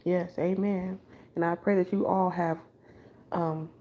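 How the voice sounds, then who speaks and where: A woman's voice: fairly low pitch, flat delivery, unhurried, highs cut off. A woman who reads tarot, talking in a late-night spiritual monologue after staying up all night, loose and blunt, with restarts and casual swearing. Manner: loose, conversational, with filler words and frequent restarts. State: up all night without sleep. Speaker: tarot reader.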